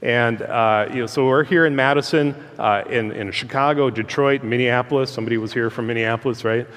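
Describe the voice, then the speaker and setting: Man presenting through loudspeakers in reverberant hall. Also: medium pitch, steady tone. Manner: halting, conversational delivery. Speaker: guest speaker, transportation engineer. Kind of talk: informal public presentation. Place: large room, speaking through a PA system.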